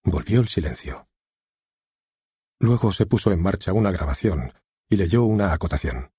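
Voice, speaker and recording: A man narrating an audiobook in a measured storytelling manner. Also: sits low, animated, dark tone, breathy edge, no room sound, clean studio sound.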